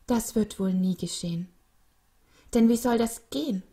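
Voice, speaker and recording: A woman's voice: fairly high pitch, unhurried, warm tone, pitched above the performer's own voice, close to an everyday voice. A woman voicing a frightened little female snowdrop flower in a storybook reading, anxious and pleading. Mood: wistful.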